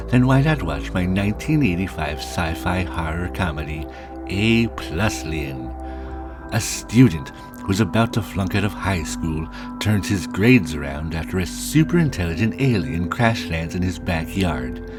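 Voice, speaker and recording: Comedy horror host, played by a man: vain faded star, hammy, low, slow delivery, music behind. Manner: theatrical, pun-loving showmanship. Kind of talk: scripted comedy horror hosting.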